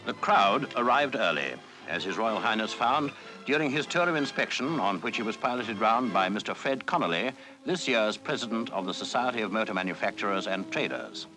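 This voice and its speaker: A man's voice: fairly low pitch, animated, fairly quick, music in the background, low-quality recording. A man giving jaunty, chatty commentary as a 1948 newsreel voice-over. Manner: jaunty, chatty tour-guide delivery. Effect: old newsreel voice-over.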